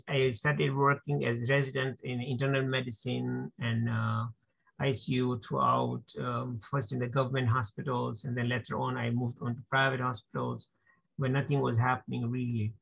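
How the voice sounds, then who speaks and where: An older man from Kenya talks through a muffled, lo-fi video call from a small room at home. His voice is deeply gravelly with a middling pitch. He speaks haltingly and often repeats his words. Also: level tone, a bit bright. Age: 60s. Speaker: guest doctor. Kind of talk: conversational interview over video call. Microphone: laptop mic on video call. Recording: dull lo-fi video call audio.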